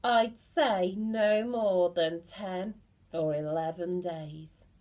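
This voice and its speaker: A woman's voice: lowish voice, fairly even intonation, drawn-out words, darkish tone. A woman voicing a cruel old man who plays a trick on his wife, speaking with solemn, gloating emphasis. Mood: gloating menace.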